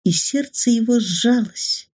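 A woman narrating an audiobook in an expressive, measured way. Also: on the high side, slightly rough.

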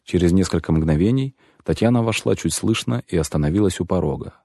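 A man narrating a literary story as an audiobook reader, measured and even. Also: low-pitched, gravelly, no room sound, studio quality.

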